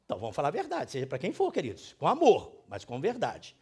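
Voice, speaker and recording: A middle-aged male pastor from Brazil preaching. His voice sits high and swings widely in pitch. He drops to a hushed plea, then rises to loud scolding. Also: wildly swooping pitch, quick pace, husky. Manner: emphatic, preacherly. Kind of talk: sermon.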